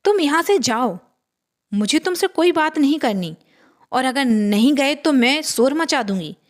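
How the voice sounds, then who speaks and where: A woman's voice: high-pitched, expressive, measured pace. Woman voicing a cold, menacing young woman. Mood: cold threat. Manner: curt, threatening.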